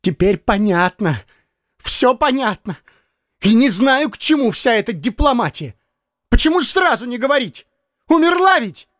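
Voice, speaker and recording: A man playing an anxious tearful young man, pleading, strained, high, dry recording. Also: sing-song, normal speed, fairly bright tone, no echo, exaggerated voice. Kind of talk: audiobook character reading.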